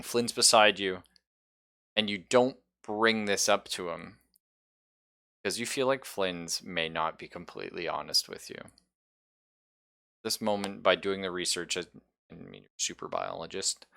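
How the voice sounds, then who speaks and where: Deep-voiced with vocal fry and a bright, forceful tone, a man improvises halting, suspenseful narration as game master of a horror tabletop RPG.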